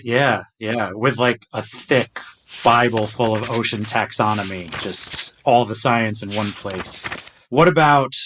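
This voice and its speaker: Recording from a home closet, a man with a medium-pitched, slightly bright voice hosts a podcast. He reads a scripted intro and then chats eagerly with his team, enthusiastic and self-deprecating, often tripping over his words.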